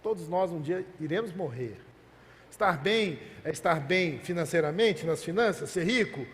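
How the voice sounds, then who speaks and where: A man's voice: on the high side, expressive, normal speed. A male pastor preaching a sermon, telling a personal story earnestly and asking the congregation rhetorical questions. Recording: long hall reverb.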